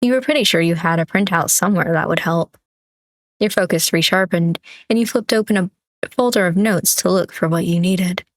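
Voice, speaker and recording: A young woman streamer reading a visual novel aloud in a relaxed way, breaking off for asides and correcting herself. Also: lowish voice, fairly quick, no room sound. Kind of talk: reading a story game aloud.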